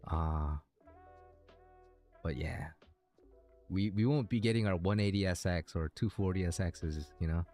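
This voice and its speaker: A man's voice: sits low, unhurried, long pauses, darkish tone, soft background music. A man streaming a game, chatting casually with viewers in a hesitant, rambling way, thinking aloud.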